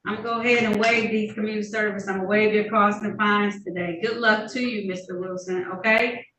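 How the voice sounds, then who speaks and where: Heard from a distance on an echoey courtroom recording with slight background noise, a woman presides as judge, firm but kindly and repeatedly addressing the defendant by name. Her mid-range voice is pushed and bright, with a steady tone and a fairly quick pace.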